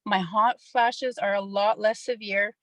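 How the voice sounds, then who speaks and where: A woman's voice: medium pitch, fairly even intonation, unhurried, no echo. A middle-aged woman, somewhat nervous, giving a personal testimonial on a group call.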